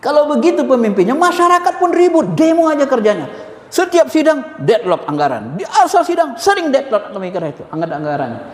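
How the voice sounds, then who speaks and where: A man giving an informal Islamic spiritual lecture, emphatic and animated, repeating key words and addressing his listeners directly. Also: very high-pitched, a little fast. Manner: addresses listeners as "Pak", chuckles. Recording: echoey hall with faint ambience.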